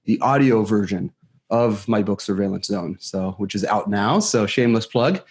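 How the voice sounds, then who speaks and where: A man from Israel chats as an interview guest, recorded on a good microphone in his home kitchen. His talk is casual and halting, full of fillers and self-corrections as he explains his work. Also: on the low side, expressive, darkish tone, breathy edge. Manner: hesitant, many fillers and restarts. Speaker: guest security expert. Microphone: studio microphone.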